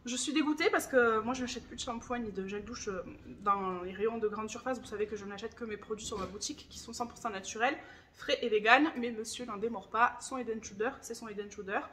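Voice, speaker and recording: A chatty woman in her thirties with a high, bright voice talks through her grocery haul. She sounds enthusiastic and confiding. A faint hiss sits under the recording. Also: brisk. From France. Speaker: vlogger. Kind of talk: casual grocery haul chat.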